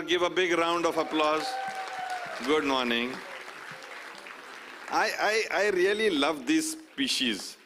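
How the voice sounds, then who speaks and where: Higher-pitched Indian man hosting a live event. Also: a bit bright, slight background noise. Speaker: event host. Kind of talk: live event announcing, switching between English and Hindi. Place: conference stage with audience.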